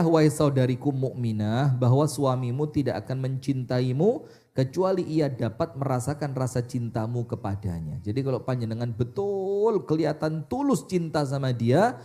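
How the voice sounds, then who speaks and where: A man preaching a sermon, animated, asking the audience questions and answering them himself. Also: medium pitch.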